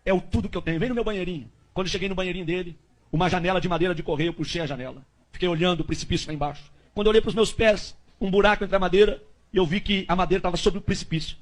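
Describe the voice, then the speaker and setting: A man's voice: high voice, steady tone, rapid-fire. A man, a pastor, telling a testimony in a sermon and acting out each voice in the dialogue.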